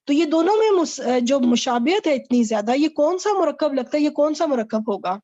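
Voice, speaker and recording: A woman's voice: high-pitched, expressive, mellow, lo-fi sound. A woman teaching an online Arabic grammar lesson, quizzing a student and explaining patiently.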